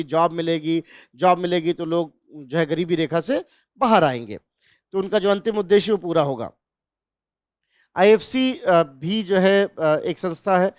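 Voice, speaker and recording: A man teaching an exam revision class, posing questions and answering them, repeating key terms slowly. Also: a little high, clear, resonant tone, no room sound, clean studio sound. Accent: Hindi. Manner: explanatory, asks and answers own questions.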